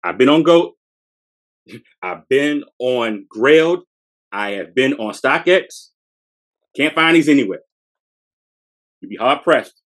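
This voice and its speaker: With long pauses, a slow delivery and lively intonation at medium pitch, a man in his forties hypes one of his sneakers for a podcast he co-hosts. The casual showcase is slangy and repetitive, captured at close range by a fixed camera in a small room.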